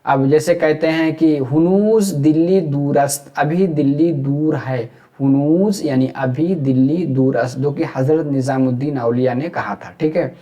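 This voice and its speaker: A man's voice: a little high, a little slow, few pauses, dark tone, lo-fi sound. A man from India with a Hyderabadi Urdu accent, teaching an exam-prep lecture. He asks questions aloud and then answers them himself.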